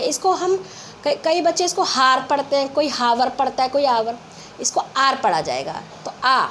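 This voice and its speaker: High-voiced Indian woman teaching grammar. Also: a little hiss or hum. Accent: Indian English. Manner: patient, explains step by step and repeats vowel sounds slowly; reads example sentences slowly and drawn out. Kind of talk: grammar lesson for school children.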